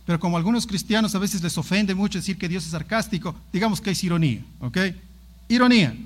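A man's voice: sits high, animated, fast talker. A man preaching a sermon on a Bible passage, talking emphatically and with animation, breaking in with exclaimed asides.

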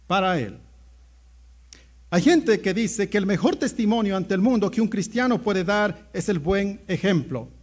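A man preaching a sermon as pastor, telling a story and swinging between hushed low asides and loud exclamations.

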